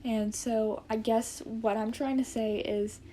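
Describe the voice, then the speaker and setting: A young woman vlogger talks casually in a fairly high but very mellow voice. She is hesitant and rambling, circling back to reword her thoughts, with a flat melody. Faint noise sits behind her. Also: takes it slowly. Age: 20s. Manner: hesitant, rambling, self-correcting. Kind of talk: casual chat to camera. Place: indoor room at home with plants.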